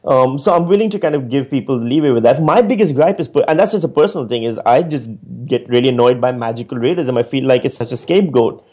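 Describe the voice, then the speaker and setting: A man from Pakistan, an author and stand-up comedian, talking through his ideas in a casual interview, reflective and animated with frequent restarts. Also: medium pitch, fast talker, few pauses.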